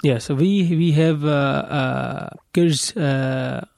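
A man's voice: medium pitch, steady tone, slow, vocal fry, darkish tone, dry recording. A young man from Pakistan, a guest on a radio studio interview, speaking hesitantly with many fillers.

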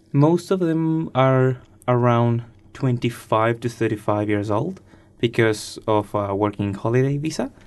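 Speaking casually and reflectively as a radio interviewee, a nineteen-year-old Chilean man hesitates and pauses as he goes. His voice is smooth and medium in pitch.

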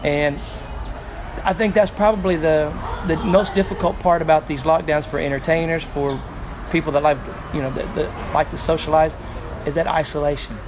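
Male country entertainer, Arkansas hillbilly drawl, halting interview talk, a touch high-voiced, clear traffic noise behind. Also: steady tone. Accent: Arkansas hillbilly, Southern US. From Arkansas, United States. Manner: halting, repeats words mid-sentence. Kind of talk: casual interview chat. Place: bar, on location with street noise. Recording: noisy outdoor bar, traffic behind.

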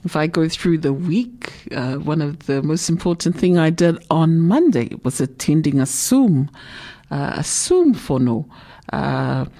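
A woman with a Samoan accent presents a community radio show. Her voice sits a little on the low side. She chats informally and unscripted, pausing often as she looks for the next word. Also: animated, mellow. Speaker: community radio programme host. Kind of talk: casual bilingual radio chat.

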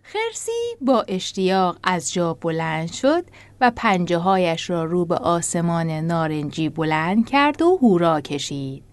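A woman narrating a children's storybook in a gentle, expressive way. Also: fairly low pitch, dry recording.

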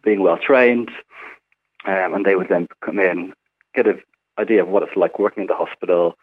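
Calling in to a radio show, the Irish man chats about being a hospital physiotherapist, leaning on many fillers. He has a low-pitched, steady voice at a moderate pace, and the phone line makes it sound tinny.

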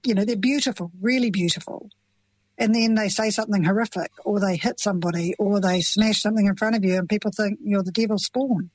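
A woman's voice: mid-range voice, a little fast, no echo, poor audio. Impassioned New Zealand mother, dry sound. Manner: earnest, impassioned, plain-spoken. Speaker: parent of children with FASD. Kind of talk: emotional interview answers.

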